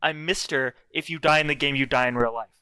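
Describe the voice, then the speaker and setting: A man's voice: medium pitch, fast talker, bright, forceful tone, clean tone, no echo, lightly acted. A man mimicking a boastful young male sword hero in a mocking, self-important way.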